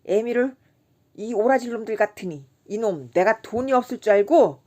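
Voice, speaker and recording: A woman's voice: lowish voice, lively intonation, normal speed. A woman voicing a rowdy drunken rickshaw man. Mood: boisterous. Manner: loud, boisterous drunken shouting. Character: rowdy drunken middle-aged male rickshaw puller. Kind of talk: audiobook character voicing.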